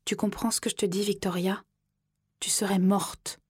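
A woman's voice: medium pitch, little pitch movement, normal speed, breathy edge, lightly acted. A woman reading a worried husband. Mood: insistent. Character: worried husband, a man at a hospital bedside.

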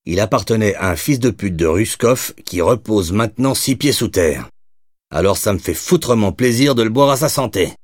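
A man's voice: on the low side, lively intonation, normal speed, no room sound, studio quality, pitched above the performer's own voice. A man voicing a wry, controlled male crime boss in an audiobook. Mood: scornful.

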